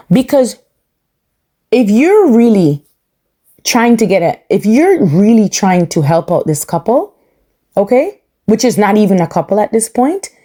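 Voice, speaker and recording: Sassy animated woman recapping. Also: medium pitch. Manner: animated, sassy, emphatic repetition. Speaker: podcast host reviewing a reality show. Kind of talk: casual opinionated recap.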